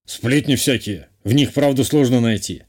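A man voicing a loyal male bodyguard in his thirties, who speaks in a slow and deferential way in an audiobook. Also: medium pitch, darkish tone, lightly acted. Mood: reporting.

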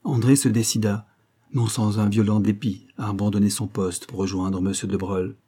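A man narrating a classic novel as an audiobook, in a measured storytelling manner. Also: fairly low pitch, level tone, dark tone, breathy edge. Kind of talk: scripted literary narration.

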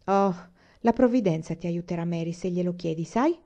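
A woman voicing an earnest, gentle young girl who pleads sincerely, read as an audiobook. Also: lowish voice, normal speed, natural voice.

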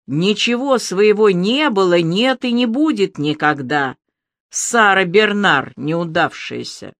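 Brief: a reader putting on a drunk, shrill young woman, despairing, slow and dry. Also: animated, a bit bright, no room sound. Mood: bitter. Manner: shrill, ringing and strained.

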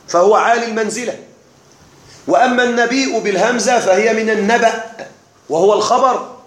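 A man teaching a classical text to a class, slow and deliberate, often checking that his students are following. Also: high-pitched, fairly bright tone. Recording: echoey room.

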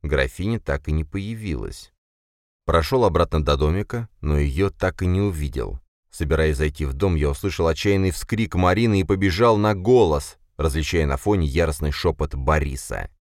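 A man reads a first-person fantasy audiobook in a very low, deep voice. His delivery is steady and measured. The studio sound is close and dry, with no room echo. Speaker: audiobook narrator.

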